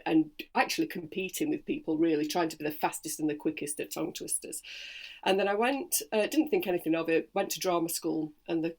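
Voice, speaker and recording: A woman in her forties from Sheffield with a Yorkshire accent, a voice and accent coach chatting freely in an interview. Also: on the low side. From Sheffield, England. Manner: chatty and animated, quick bursts of storytelling. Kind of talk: relaxed interview chat.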